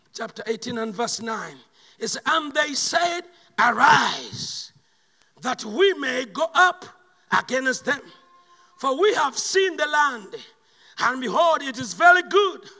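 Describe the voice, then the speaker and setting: A man from Uganda with a Ugandan accent preaching a sermon, swinging between loud shouted bursts and quiet slow asides. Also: extremely high pitch, big-room sound.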